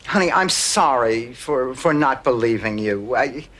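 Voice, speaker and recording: A woman playing a dry, sharp-tongued middle-aged sitcom character in a deep, deadpan voice. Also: measured pace, heavily acted. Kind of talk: sitcom acting. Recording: noisy track, loud audience laughter. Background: studio audience.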